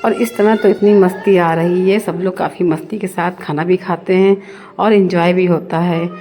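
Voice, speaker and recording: A woman's voice: fairly low pitch, steady tone, moderate pace, dark tone. A middle-aged woman narrating her family's day in a chatty, homely storytelling way, as a vlogger.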